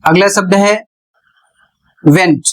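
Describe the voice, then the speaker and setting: An English pronunciation teacher with a high voice speaks at a slow pace in this rough recording. Giving an explanatory lesson, he patiently moves step by step and spells words out letter by letter.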